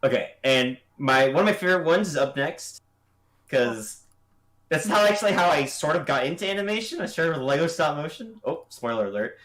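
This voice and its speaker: A man's voice: fairly high pitch, expressive, a little fast, a bit bright. A young man co-hosting a casual livestream, judging animation entries in a laid-back way, laughing often and restarting his sentences.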